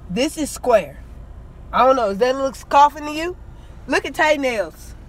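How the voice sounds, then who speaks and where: A young woman, a beauty vlogger, rants indignantly into her phone camera from inside a parked car, her voice sitting high and moving a little slowly. The phone is held at arm's length as she complains in an animated, casual vlog to camera.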